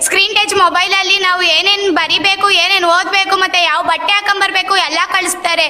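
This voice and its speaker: A woman's voice: very high voice, fairly even intonation, sharp tone, heavily acted. A woman playing a sulky schoolgirl who stubbornly whines for a touchscreen phone in a village stage play. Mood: whining. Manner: stubborn, whining, fast. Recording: echoey hall with music.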